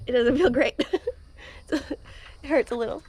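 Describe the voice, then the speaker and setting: A woman's voice: high voice, unhurried, a little mellow, breathy edge. A woman helping with the animals, talking in a light, laughing way. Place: outdoors by animal enclosures.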